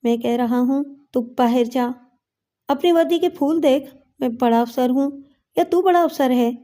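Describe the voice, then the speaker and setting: A woman's voice: high-pitched, warm tone, natural voice. A woman voicing a coarse, bullying corrupt police inspector in a story reading, talking down with mockery. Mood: sneering. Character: crude, leering corrupt male police inspector.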